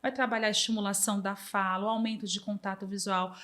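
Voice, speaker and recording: A fast-talking Brazilian woman with a medium-pitched voice is a guest in a casual interview about music therapy. She's lively, breaking into song now and then and acting out snatches of children's songs.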